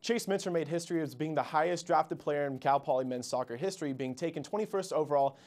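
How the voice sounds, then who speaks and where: A young man anchoring a student news broadcast, reading the stories in a brisk newsreader delivery. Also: fairly high pitch, a little mellow.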